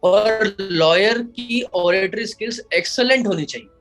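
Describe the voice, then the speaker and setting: A man's voice: high voice, measured pace, fairly bright tone, soft background music. A man who is an advocate, answering interview questions in an explanatory way and slipping English phrases into his Hindi. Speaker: advocate and IP lawyer.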